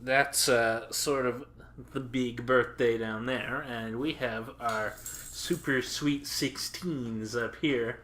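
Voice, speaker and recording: A man casually chatting on a podcast as co-host, halting with lots of filler pauses and dry, crude jokes. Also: mid-range voice, pushed and bright, slight background noise.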